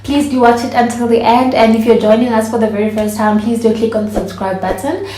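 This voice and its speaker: A woman's voice: on the high side, fairly even intonation, brisk, mellow. A woman, chatting casually to camera as a vlogger and laughing often. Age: 20s. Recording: echoey room.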